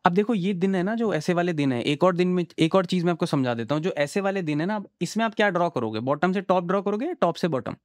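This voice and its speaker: A man talks through charts in a casual, friendly lesson, often pausing to check that the listener is keeping up. His voice sits a bit high for a man. The recording is close and dry, no room sound. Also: animated, no room sound. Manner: chatty, reassuring, asks the viewer "samjhe?". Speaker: trading teacher. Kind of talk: casual screen-share chart tutorial.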